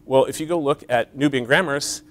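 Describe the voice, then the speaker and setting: Speaking at ordinary speed in a mid-range, slightly bright voice, a man presents an academic talk in a lecture hall. His explanation proceeds step by step, full of fillers, and he keeps checking with listeners by asking "right?" and "okay?".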